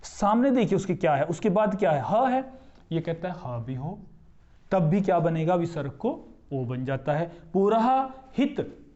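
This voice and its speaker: A man teaches a grammar lesson in a high voice, working through each rule one step at a time. He poses questions and then answers them, and he draws words out slowly, syllable by syllable. The recording sounds dull and lo-fi. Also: animated, mellow. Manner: explains step by step, often asking and answering his own questions. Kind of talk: classroom-style grammar lesson.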